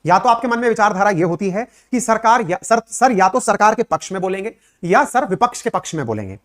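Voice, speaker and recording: A man's voice: high-pitched, lively intonation, fairly quick, fairly bright tone. Man lecturing viewers with rhetorical questions. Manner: conversational lecturing with English words mixed in. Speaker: educator explaining current affairs. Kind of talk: explainer commentary to viewers.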